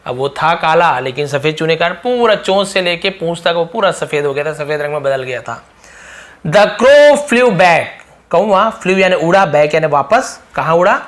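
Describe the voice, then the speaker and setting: A man with a high voice, teaching English. He reads each English phrase out slowly and deliberately, then breaks it down in quick, chatty Hindi, asking questions and answering them himself. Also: a bit bright. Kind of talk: lesson explaining an English story line by line.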